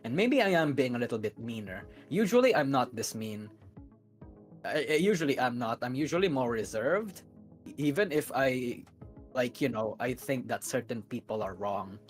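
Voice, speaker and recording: Young streamer co-host, halting casual chat with repeated words, over music. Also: medium pitch. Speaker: livestream co-host with own channel.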